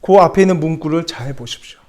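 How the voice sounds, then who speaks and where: A middle-aged man, a senior pastor, preaching a sermon with emphatic delivery that swings between loud stressed words and hushed lines. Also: on the high side, fast talker.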